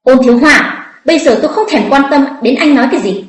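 A proud young woman, played by a woman reader, rebukes with stern indignation. Her voice sits high and rings in a roomy space. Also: fast, close to an everyday voice. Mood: indignant.

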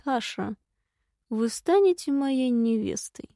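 Woman doing a slow, calm dark mage. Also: a little high, dry recording, studio quality.

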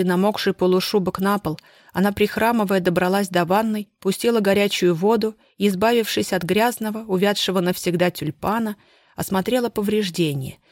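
An audiobook narrator reading a thriller in a steady, measured way. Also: medium pitch, no room sound, clean studio sound. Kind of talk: scripted narration.

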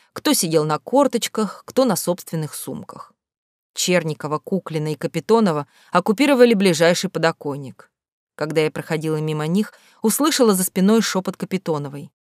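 A woman reading a first-person novel aloud with expressive, measured storytelling. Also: on the low side, no room sound, clean studio sound. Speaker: audiobook narrator. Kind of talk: first-person audiobook narration.

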